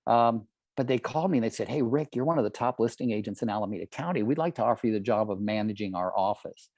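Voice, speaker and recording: A man's voice: fairly low pitch, lively intonation, quick pace, darkish tone, dry recording, studio quality. A man in his sixties from California, giving an earnest, emphatic motivational training talk to real estate agents, often asking the audience questions. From California, United States.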